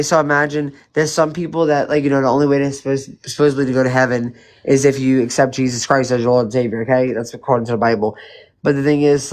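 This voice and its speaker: A man hosting a casual live chat, talking in a hesitant, rambling, colloquial way. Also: mid-range voice. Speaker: live stream host.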